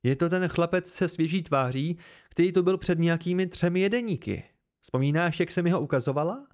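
A man's voice: a little high, lightly acted. A man voicing a blunt, motherly woman at a tavern, firm and commanding.

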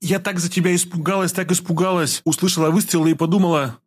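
A man's voice: sits high, fairly even intonation, fast, husky, pitched above the performer's own voice. A man reading an audiobook, voicing a frightened young woman who pleads in a plaintive tone. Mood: plaintive, fearful.

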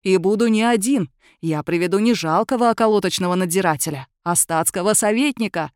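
A woman voicing an agitated man, a proud state official, who shouts indignantly. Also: mid-range voice, a little fast, clean tone, dry recording, clean studio sound, lightly acted. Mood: furious.

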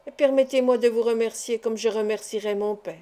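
A woman's voice: fairly high pitch, steady tone, a little fast, warm tone, close to an everyday voice. A woman reading an earnest young man in love. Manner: emotional, imploring.

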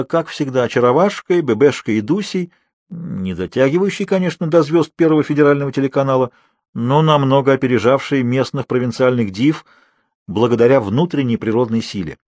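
Husky-voiced male audiobook narrator. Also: medium pitch, a little mellow, no room sound. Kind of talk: scripted literary narration.

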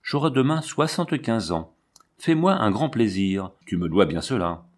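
Kindly elderly uncle, gentle and fond, read by the narrator. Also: male voice, lowish voice, lively intonation, moderate pace. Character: kindly old uncle of seventy-five.

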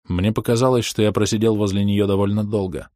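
Male narrator, first-person audiobook, steady, measured, low voice, dry close sound. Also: dry recording.

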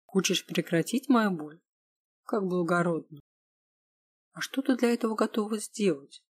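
A woman reading the part of a sly, jealous young woman who mocks and sneers, with a husky voice. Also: mid-range voice, lively intonation, moderate pace, a little mellow. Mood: mocking. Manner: teasing, sneering, then hurt.

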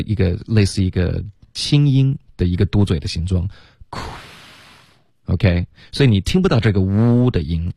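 A deep, low-pitched man leads a bilingual radio English lesson. He explains pronunciation patiently, step by step, drawing out his demonstrations. The studio sound is dry and close. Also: mellow, breathy edge, no echo. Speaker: English teacher.

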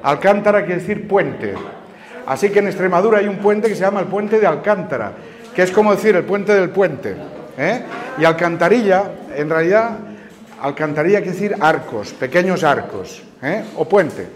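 A man's voice: high-pitched, moderate pace. A man with a Canarian Spanish accent, teaching a group of listeners and quizzing them with patient questions. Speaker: teacher giving a talk to students. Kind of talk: classroom talk on word origins. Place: large room with an audience. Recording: lively audience noise around the speaker. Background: crowd of listeners.

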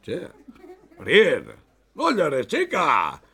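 A man voicing an excitable village man who wails and exclaims over a friend's death, in an overwrought manner. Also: fairly high pitch, extremely slow, gravelly, slightly rough, voice pushed up, full character voice. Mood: consoling.

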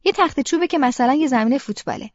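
A woman's voice: high-pitched, expressive, dry recording, dull audio. A woman narrating a first-person audiobook in an inward, present-tense monologue.

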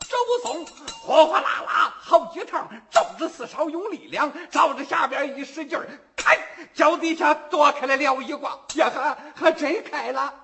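A man's voice: very high-pitched, moderate pace, creaky, few pauses, pushed and bright, slight background noise. A man narrating a traditional tale in a rhythmic, declaiming way. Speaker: storyteller.

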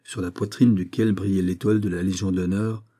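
A male narrator reading a period short story aloud, measured and steady. His voice is low and dark in tone, with a husky grain that never clears. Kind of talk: audiobook narration of a 19th-century short story.

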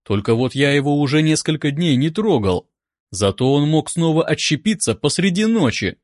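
A man calmly reading a first-person audiobook in an even, wry manner, close to a studio mic. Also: fairly high pitch, normal speed, no room sound. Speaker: audiobook narrator.

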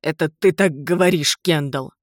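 A woman's voice: low voice, moderate pace, dry recording, clean studio sound. Woman reading as a bitter, furious father. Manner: bitter, snapping accusations. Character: distraught middle-aged father, harsh and bitter. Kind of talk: audiobook character voice.

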